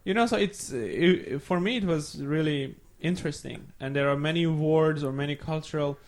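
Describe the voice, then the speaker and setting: A young man from Iran, a native Farsi speaker, makes casual conversation as a podcast guest while hunting for the right English words. He speaks at a moderate pace in a slightly high voice.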